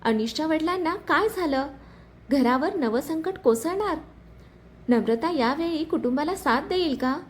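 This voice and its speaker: A woman's voice: high voice, measured pace. A woman telling a dramatic story in scripted narration. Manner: dramatic, expressive reading.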